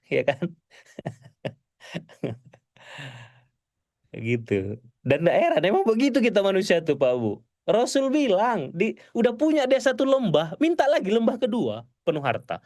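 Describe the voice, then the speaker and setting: A male preacher giving a mosque sermon to a congregation, animated and pleading, swinging between loud exclamations and soft murmurs. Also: high voice, slow pace, long pauses, no room sound, studio quality.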